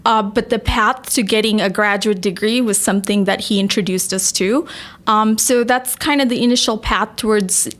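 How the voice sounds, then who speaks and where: A woman's voice: mid-range voice, normal speed, fairly bright tone. A woman from Malaysia, a company CEO, answering podcast interview questions in a thoughtful conversational way.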